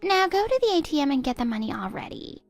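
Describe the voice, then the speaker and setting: A woman's voice: high-pitched, sing-song, fast, dry recording, faint music behind. A woman voicing a spiteful stepdaughter in her twenties who sneers and cuts down her stepmother. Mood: scornful. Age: 20s. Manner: sneering, cutting, contemptuous. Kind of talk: text-story voice acting.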